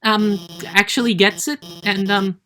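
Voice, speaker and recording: A woman's voice: medium pitch, steady tone, a little slow, bright, forceful tone, pitched above the performer's own voice. A woman voicing a nervous female lizard teacher who stammers timidly.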